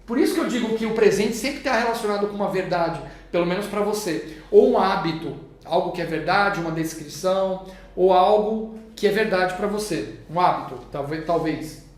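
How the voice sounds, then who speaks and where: A Brazilian teacher explaining grammar to viewers, drawing out the English examples slowly and with emphasis. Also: mid-range voice, very echoey. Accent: Brazilian Portuguese. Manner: lively, stretches English examples slowly and loudly.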